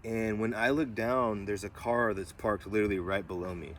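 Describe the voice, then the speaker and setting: A man's voice: on the low side, fairly even intonation, moderate pace, a little hiss or hum. A man telling a personal testimony in a vlog, rambling, with lots of fillers, and often checking in with "right?". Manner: rambling, filler-heavy, keeps asking "right?". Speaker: vlogger.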